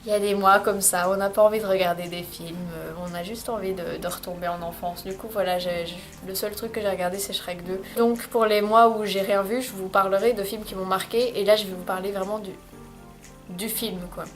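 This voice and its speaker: A woman's voice: mid-range voice, fairly even intonation, fairly quick, faint music behind. A young woman, chatting casually in a recommendations vlog, hesitant, with many fillers and restarts. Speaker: vlogger. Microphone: camcorder microphone.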